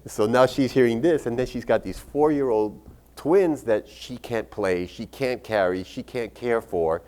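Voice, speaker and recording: A doctor who recommends medical cannabis gives an expo talk, telling patient stories candidly and swearing casually. His mid-range voice has a darkish tone and a measured pace.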